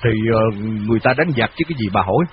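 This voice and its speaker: A grumbling, fretful old man, as an audiobook reader plays him. He talks quickly in hurried bursts and complains. The recording is dull and lo-fi with faint hiss. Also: mid-range voice, lively intonation, natural voice.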